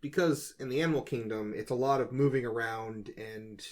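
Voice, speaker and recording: Young male co-host, excitable and rambling, mid-range voice, casual banter. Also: mid-range voice. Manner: excitable, rambling, quick outbursts. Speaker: podcast co-host. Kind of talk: casual comedic chat.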